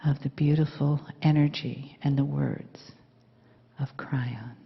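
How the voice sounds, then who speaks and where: A woman leading a guided meditation in a soft, breathy, soothing half-whisper. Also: extremely low pitch, fairly even intonation, takes it slowly. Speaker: meditation leader. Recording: dull recording in reverberant hall.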